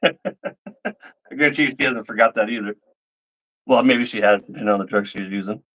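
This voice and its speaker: A man's voice: fairly low pitch, normal speed, low-quality recording. A middle-aged man casually telling stories to his livestream viewers, acting out the people he quotes. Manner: animated, acts out quoted lines. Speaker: livestream host. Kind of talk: casual storytelling chat.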